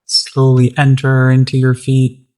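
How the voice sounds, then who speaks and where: The mid-pitched voice of this meditation guide stays very flat, calm and gentle. Nothing is rushed, and wide gaps separate each phrase.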